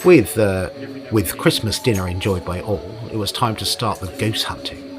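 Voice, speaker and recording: Low male voice doing scripted storytelling narration, music clearly underneath. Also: moderate pace. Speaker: narrator and ghost-hunt host.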